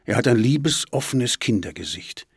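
A man reading a story aloud in an expressive audiobook style. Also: mid-range voice, moderate pace, husky, no echo, studio quality. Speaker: narrator.

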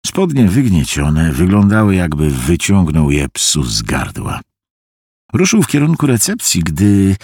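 A man narrating a suspense story in a very low, husky voice, swooping dramatically up and down as he plays out the scenes. The sound is close and dry, with no room around it. He reads with tense, theatrical energy. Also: a little mellow, no echo. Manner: acts out tense dialogue with shifting pitch. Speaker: audiobook narrator. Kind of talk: dramatic audiobook reading.

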